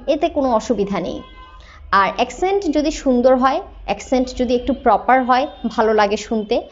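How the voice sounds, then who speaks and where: A woman from Bangladesh, an English teacher, explaining patiently and slowing down to model sentences. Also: sits high, darkish tone, muffled recording. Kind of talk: explanatory lesson.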